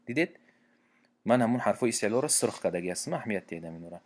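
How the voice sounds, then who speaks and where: A man with a Tajik accent teaching a Quran recitation lesson, explaining pronunciation patiently with repetitions and hesitant pauses. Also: fairly low pitch, lively intonation. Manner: patient, repeats points and examples, frequent hesitations.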